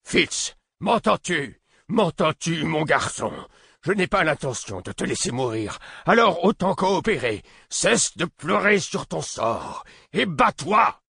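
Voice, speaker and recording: A man voicing a stern older male mentor who gives curt orders and shouts in anger, reading an audiobook. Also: sits low, big pitch swings, unhurried, breathy edge, no room sound, studio quality, pitched above the performer's own voice, heavily acted. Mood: furious. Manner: curt and commanding, rising to shouts.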